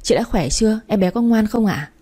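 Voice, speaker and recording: A woman reading the part of a young mistress, politely deferential but defiant, in a mellow, dark voice. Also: medium pitch, lively intonation, a little fast, slightly rough.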